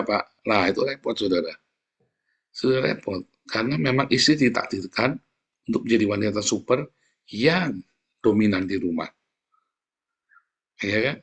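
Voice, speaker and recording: A man's voice: mid-range voice, gravelly, fairly bright tone, slightly rough. A man preaching a sermon, joking with the congregation and often calling out to them directly. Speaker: pastor.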